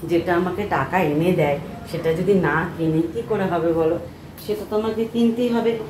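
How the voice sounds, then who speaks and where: A soft-spoken woman in her thirties, chatting casually to her phone camera at home in a vlog and grumbling good-naturedly about chores. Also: fairly low pitch, normal speed. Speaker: vlogger. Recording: echoey room with faint ambient noise.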